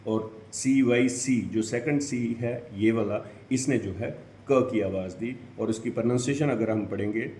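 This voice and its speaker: Male pronunciation teacher, unhurried and mellow, spells sounds out step by step, roomy echo. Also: lowish voice, a little hiss or hum. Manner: spells out sounds letter by letter, repetitive. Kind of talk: slow explanatory lesson. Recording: echoey room.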